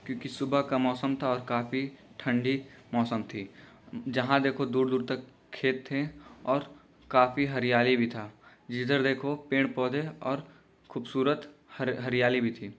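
A man's voice: medium pitch, level tone, measured pace, fairly bright tone. A young man narrating his train journey as a voice-over, in a casual, loosely worded way with restarts. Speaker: travel vlogger.

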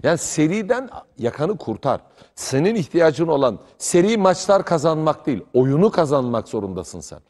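Middle-aged man, sports pundit, lively swooping delivery, fiery argumentative tone, somewhat high voice. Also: normal speed. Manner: heated, animated arguing. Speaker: sports commentator. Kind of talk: studio sports talk.

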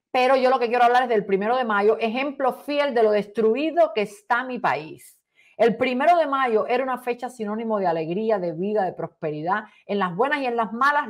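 A woman talk show host, reading a letter aloud in an indignant, dramatic way with emphatic stresses. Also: mid-range voice.

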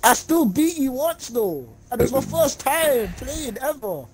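A young man streaming a game and chatting with friends, excitable, yelping and laughing often. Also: very high voice, unhurried, slight background noise. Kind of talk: casual gaming chat with friends.

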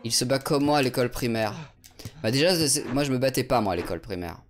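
A French man streams a let's play, casually commenting on a video game, swearing now and then, and reading chat aloud to answer viewers. His mid-range voice is animated and fast, heard over music through a USB studio condenser mic.

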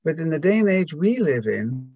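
A man's voice: on the high side, sing-song, normal speed, mellow, dry recording, rough recording. A man giving a reflective Buddhist talk to a group, hesitant and full of restarts and rhetorical questions.

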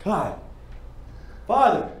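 A man's voice: fairly high pitch, animated, a little slow, a little mellow, roomy sound, a little hiss or hum. A man playing a bitter divorced man who is afraid of himself, in an anguished dramatic monologue. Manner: anguished, pleading outbursts.

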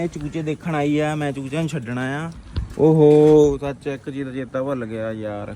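A man's voice: mid-range voice, a little mellow, a little hiss or hum. A man with a Punjabi accent chatting casually to camera as a village vlogger outdoors on a family farm, teasing his family and calling out to them. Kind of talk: casual farm vlog chat.

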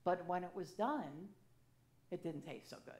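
Standing at the pulpit of an echoey church sanctuary, a woman in her sixties who serves as an assisting priest delivers a sermon in a conversational, storytelling style with lively gestures. She speaks into a gooseneck pulpit mic at a fairly low pitch and an unhurried pace.

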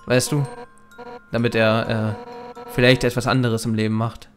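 A man's voice: medium pitch, flat delivery, a little slow, close to an everyday voice. A man reading the lines of a fierce, brash female fish warrior captain in a game, in boisterous bursts, with faint game music behind. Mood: reflective. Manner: boisterous, loud bursts, chuckling. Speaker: Let's Play gamer reading dialogue. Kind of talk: reading game dialogue aloud.

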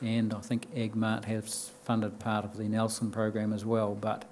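This conference speaker is an older man with a New Zealand accent, his voice on the low side, a little mellow, and completely flat, at a measured pace. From a podium mic in a bookshelf-lined lecture room with an audience, he explains plainly with frequent ums and restarts, and there's a little hiss or hum.

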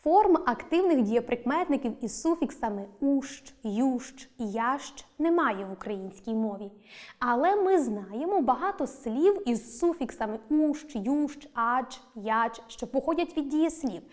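Woman teacher reading out a lesson, kinda high voice, slow careful stress on each word. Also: lively intonation, a little mellow. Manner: clear, deliberate, stresses each example word. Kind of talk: scripted lesson narration.

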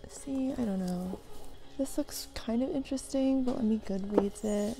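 Over music, a woman with a fairly high voice speaks at a moderate pace while vlogging about books. Browsing a thrift store, she chats casually, giggling and musing half to herself.

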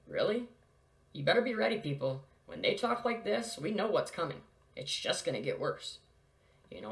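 A man hosting his own video, reading articles aloud and reacting in an agitated, scornful, repetitive way. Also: fairly high pitch. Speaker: conspiracy video host.

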